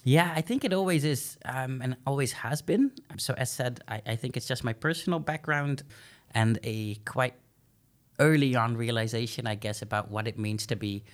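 A man's voice: medium pitch, normal speed. A young man from the Netherlands, a podcast guest speaking reflectively with many fillers and restarts. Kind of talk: podcast interview.

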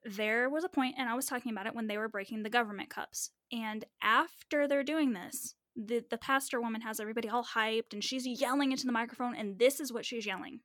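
A woman co-hosting a podcast in casual chat, animated and swearing freely. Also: fairly high pitch, brisk, few pauses, no room sound, studio quality. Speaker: podcast co-host.

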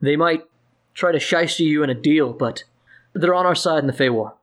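Man playing a calm, measured fantasy ally. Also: on the high side, natural voice. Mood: reassuring.

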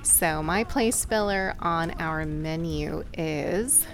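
A woman in her thirties hosting a casual podcast, telling stories in a relaxed, reflective way. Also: sits low, takes it slowly. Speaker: podcast host.

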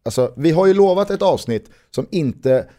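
Guy chatting on a football podcast, informal, kinda mellow dark voice. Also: on the high side, animated. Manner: informal, mild swearing. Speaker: podcast co-host. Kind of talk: casual football podcast chat.

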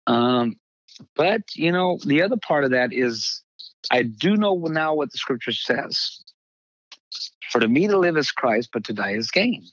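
An older man, a pastor, telling a personal testimony in halting conversational speech, acting out the voices he quotes. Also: mid-range voice, big pitch swings, fairly bright tone, no echo, highs cut off. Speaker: pastor, guest.

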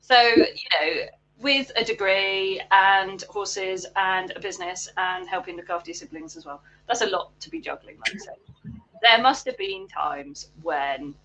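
Bright, encouraging interviewer with rambling questions. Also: mid-range voice, unhurried, slight background noise, low-quality recording. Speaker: podcast host, interviewer.

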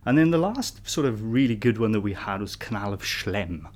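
Chatty low-voiced man. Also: animated, normal speed, darkish tone. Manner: chatty, asks rhetorical tag questions. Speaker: podcast co-host. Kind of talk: casual educational chat.

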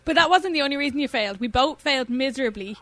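A woman's voice: sits high, lively intonation, rapid-fire, a bit bright. A woman, bantering unscripted on a radio show.

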